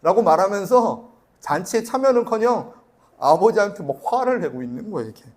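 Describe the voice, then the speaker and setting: Man preaching an animated sermon. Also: high voice, fairly quick. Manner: storytelling, acting out family dialogue with rising emphatic questions. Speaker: pastor.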